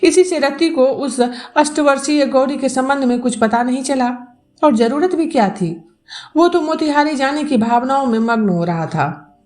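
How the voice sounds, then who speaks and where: A woman narrating a Hindi novel episode in a slow, measured storytelling voice. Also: sits high, a little mellow. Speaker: audiobook narrator. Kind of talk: scripted narration.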